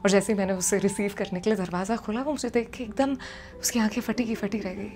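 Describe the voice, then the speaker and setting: A young woman performing a comic personal story, chatty and animated, slipping English phrases into her telling. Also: mid-range voice, fast talker, music in the background.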